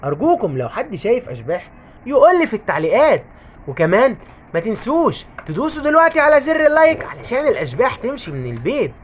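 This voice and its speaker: A woman with an Egyptian Arabic accent hosting a kids' channel, coaxing viewers in an animated way. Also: on the high side, quick pace, a little hiss or hum. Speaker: host of a kids' toy channel. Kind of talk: children's channel call to viewers.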